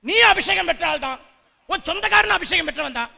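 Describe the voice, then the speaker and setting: A very high, gravelly male voice with a Tamil accent, preaching a fiery sermon in bursts of shouting. He keeps repeating phrases and calling on the congregation to answer aloud. The sound is bright and hard, with a long reverb from the church hall. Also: expressive, fast. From South India. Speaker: pastor.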